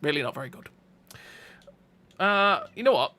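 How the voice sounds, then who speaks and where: Lively, bright-voiced man commentating gameplay. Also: a little high. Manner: chatty, thinks aloud with restarts and quick reactions.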